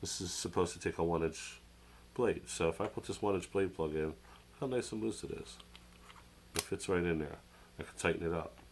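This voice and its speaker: His voice is on the low side with a darkish tone, and a cold makes it nasal. He rambles through an informal product show-and-tell at a desk with an overhead camera, hesitating often and restarting amid many fillers.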